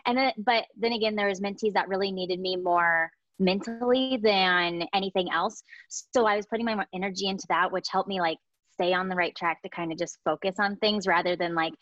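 A woman's voice: medium pitch, a little fast, fairly bright tone, no room sound. Chatty young woman, dry dull recording. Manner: chatty, filler-heavy, upbeat. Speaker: photography educator, guest. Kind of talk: casual interview chat. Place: home.

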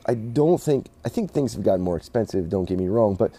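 A man, a racing shop owner talking casually in an interview, halting with many restarts. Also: lowish voice, breathy edge, dry recording. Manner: halting, restarts often, animated storytelling with quoted voices.

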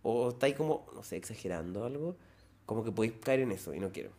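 A man's voice: mid-range voice, lively intonation, quick pace, mellow. A young man with a Chilean accent, co-hosting a casual podcast chat in a playful, dramatic, slangy way. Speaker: podcast co-host.

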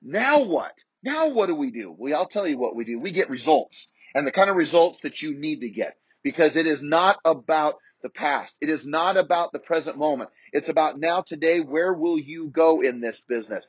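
A man's voice: a little high, lively intonation, moderate pace, hardly any pauses, husky, dry recording, muffled recording. Emphatic motivational sales coach, man. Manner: emphatic, repetitive, rallying. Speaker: real estate sales coach. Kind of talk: motivational talk.

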